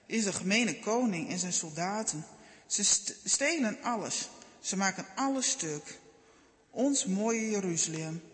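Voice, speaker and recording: A man voicing a worried, weary mother in a children's storybook, speaking gently and quietly in a raised voice. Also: sits high, long reverb tail.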